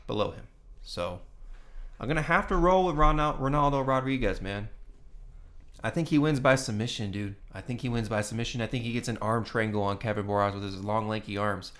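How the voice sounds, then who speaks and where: A man's voice: medium pitch, fairly bright tone. A man hosting his own fight predictions video, talking casually and getting worked up, swearing often and repeating himself for emphasis. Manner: heated and profane, lots of "come on now" and "you know what I mean". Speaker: host of a fight picks channel.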